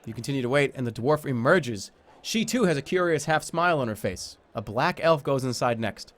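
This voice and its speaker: A man's voice: medium pitch, animated, fairly quick. A man streaming a game, reading the story text aloud as narration and dropping informal, offhand commentary. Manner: informal, switches between dramatic reading and offhand asides.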